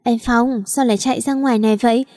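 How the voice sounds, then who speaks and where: Female reader doing a clingy young woman, wheedling, louder, slightly high. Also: steady tone, quick pace, dry recording, studio quality, close to an everyday voice.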